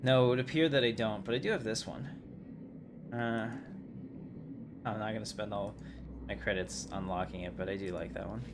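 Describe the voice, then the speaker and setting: This male livestreamer, with a fairly low voice, comments on his gameplay and chats casually with viewers at a moderate pace, pausing often. A steady noise is present behind him.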